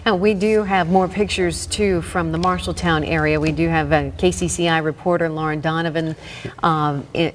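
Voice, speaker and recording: Lady news anchor, pretty deep voice, covering breaking news live, slight noise behind. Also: fairly even intonation, moderate pace. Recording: faint background noise.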